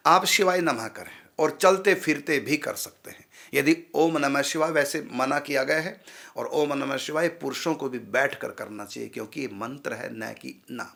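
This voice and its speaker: A man's voice: mid-range voice, moderate pace, creaky, a bit bright. A man, a spiritual teacher, patiently explaining how to pronounce mantra syllables and repeating sounds to drill them.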